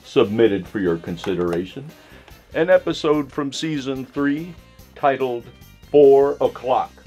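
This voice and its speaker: Man playing a slow, theatrical horror host. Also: mid-range voice, animated, warm tone, faint music behind, close to an everyday voice. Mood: mock-solemn. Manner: horror host, slow deliberate mock-solemn delivery. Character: Dr. Torpor, theatrical horror host commenting on old films. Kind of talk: scripted mock review.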